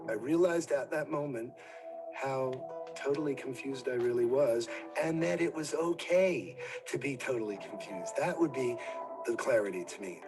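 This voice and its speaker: A man from New Jersey, a former preacher, gives an earnest, halting personal testimony for a documentary, sometimes dropping to near whispers. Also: mid-range voice, music in the background, rough recording. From Wildwood, New Jersey, USA.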